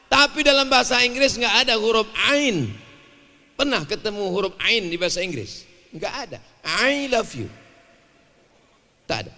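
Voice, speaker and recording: High bright voiced preacher guy, super animated, big echoey hall. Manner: animated, swings between loud bursts and low asides, acts out dialogues. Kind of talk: lively sermon with jokes. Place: large hall at a religious gathering. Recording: hall reverb from a large venue.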